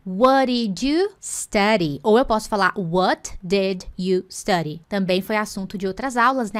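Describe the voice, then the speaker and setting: A woman teaching an online English lesson, lively, slowing down for clear English examples. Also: on the high side. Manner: lively, switches between Portuguese and slow, spelled-out English examples.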